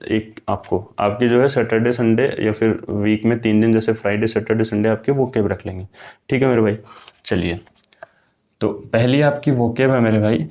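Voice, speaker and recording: A man's voice: fairly low pitch, fairly even intonation, normal speed, warm tone. A young man talks students through a vocabulary lesson for defence exams. He keeps it casual and chatty, often calling them brother and checking in with "okay" as he goes. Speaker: vocabulary teacher. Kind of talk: casual online exam-prep lesson.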